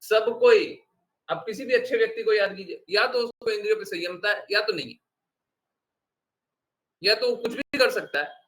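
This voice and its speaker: High, bright-voiced man giving a spiritual talk. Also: poor audio. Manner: earnest, rhetorical questions to the audience; mixes English words into his speech. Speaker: spiritual teacher. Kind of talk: devotional discourse.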